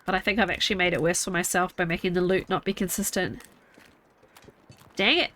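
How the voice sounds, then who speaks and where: Speaking a bit quickly with a fairly low, steady, rather bright voice, this young female streamer sounds congested as she plays from home. She keeps up relaxed live chatter, musing aloud over her game.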